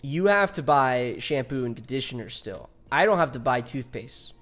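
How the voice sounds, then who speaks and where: A man's voice: mid-range voice, animated, moderate pace, a bit bright, soft background music. Laid-back young man chatting on a game stream. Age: 20s. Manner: laid-back, joking with chat, swears often. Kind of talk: casual live-stream chat.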